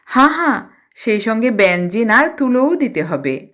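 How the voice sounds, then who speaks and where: Woman voicing a fussy panicky storybook father, high, wailing, alarmed. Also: sing-song, moderate pace, a bit bright. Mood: fretful.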